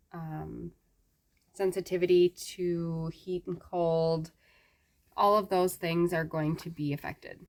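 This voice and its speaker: A woman with a slightly low voice speaks very slowly in a casual vlog update. She sounds weakened after surgery, stopping often and searching for words as she struggles to put sentences together. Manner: halting, searching for words, with long pauses. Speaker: vlogger giving a health update. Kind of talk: casual talk to viewers.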